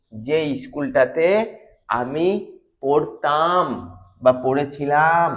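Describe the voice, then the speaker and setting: A man with a Bengali accent teaching a lesson, speaking deliberately, repeating words and spelling letters aloud. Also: fairly high pitch. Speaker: English teacher. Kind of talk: slow explanatory lesson.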